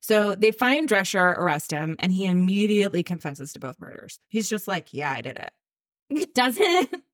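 A woman's voice: medium pitch, big pitch swings, normal speed. A woman co-hosting a podcast, telling a true-crime story in casual chat, giggling and swearing freely as she goes. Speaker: podcast co-host.

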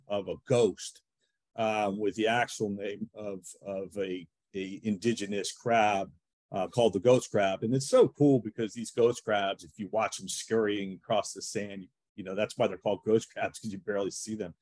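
A man's voice: on the low side, a little mellow, dry recording. A man with an American accent answering conversationally as a baseball team representative in an interview.

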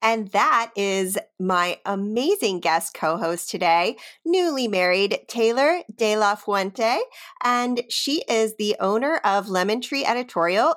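A woman hosting a podcast, friendly and filling pauses with ums as she introduces and chats. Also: on the high side, fairly bright tone. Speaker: podcast host. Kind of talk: podcast intro and casual interview.

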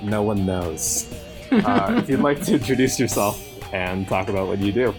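Low-voiced, dry male co-host. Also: sing-song, normal speed, music in the background. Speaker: podcast co-host. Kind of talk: casual chat.

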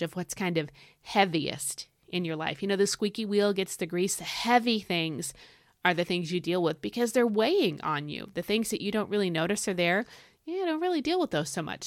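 A woman's voice: medium pitch, no echo, studio quality. A woman giving an informal devotional talk, exhorting listeners in an emphatic, conversational way and repeating key phrases.

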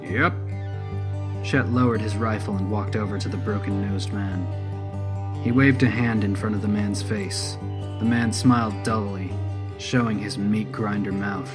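A man narrating a scripted story in a steady, measured way. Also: fairly low pitch, over music.

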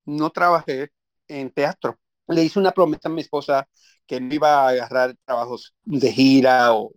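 A middle-aged man speaks with a Puerto Rican Spanish accent, his voice at an ordinary pitch for a man. He tells his story thoughtfully in an interview, often restarting his sentences. The recording is close and dry, with no room sound. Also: no room sound. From Puerto Rico. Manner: reflective, warm storytelling with many restarts. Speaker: stage actor. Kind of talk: interview answers.

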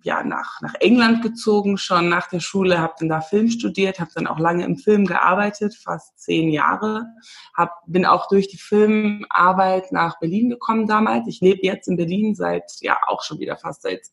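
A woman's voice: lowish voice, vocal fry. A woman in her thirties from Namibia, a confidence coach talking chattily as a podcast guest. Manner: chatty, many fillers and restarts. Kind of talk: casual podcast interview.

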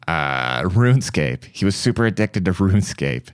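A man's voice: low-pitched, sing-song, normal speed, clean tone, dry recording, studio quality. A young man hosting a podcast, telling crude, irreverent stories in a casual comic monologue. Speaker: podcast host.

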